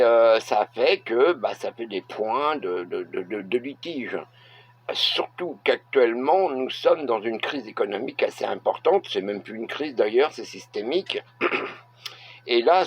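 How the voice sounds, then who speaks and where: A middle-aged man from France, giving a blunt opinion monologue to camera and pausing often to hesitate. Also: mid-range voice, breathy edge. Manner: blunt, halting with frequent filler hesitations. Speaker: vlogger. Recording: dull lo-fi recording.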